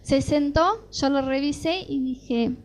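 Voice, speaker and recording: High-voiced Argentine woman preaching. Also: takes it slowly. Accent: Argentine Rioplatense Spanish. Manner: animated storytelling, acting out dialogue. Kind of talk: sermon with personal testimony.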